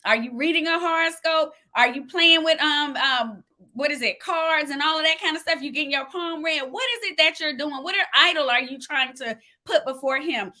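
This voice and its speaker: A woman ministers through a live-streamed sermon, sharing a word with fervent, preacherly energy and reading viewers' comments aloud to respond as she teaches. Her voice is high and sharp, at a normal speed.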